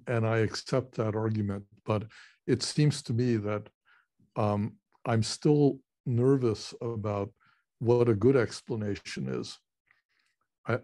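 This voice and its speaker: A man asking a seminar speaker a question over a video call, measured and hesitant, with many fillers. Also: fairly low pitch, a little mellow. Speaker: audience questioner.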